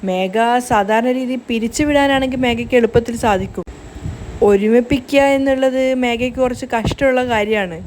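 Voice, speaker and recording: A woman's voice: a little high, fairly quick, a little mellow, slight background noise, natural voice. A woman reading the lines of a blunt, tactless middle-aged uncle in a serial recap, grumbling in her own voice.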